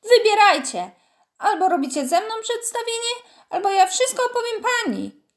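A woman's voice: high-pitched, sing-song, a little slow, pitched above the performer's own voice, exaggerated voice. A woman voicing a stubborn, whiny little schoolboy who threatens to tell the teacher. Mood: shouting.

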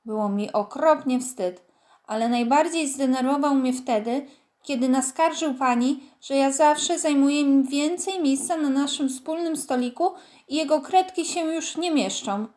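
A woman reading a children's story aloud in a lively, expressive way. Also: sits high, a little slow.

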